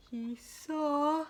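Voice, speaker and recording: Her voice is high and bright as she reads a children's picture book aloud. As a storytime host for young listeners, she tells it expressively, unhurried, with dramatic pauses.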